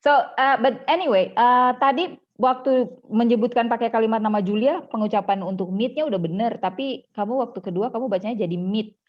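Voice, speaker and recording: A woman teaching an online English lesson, animated and jokey, switching between languages. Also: a little high, fairly quick, few pauses, highs cut off. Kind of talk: online class lesson mixing Indonesian and English.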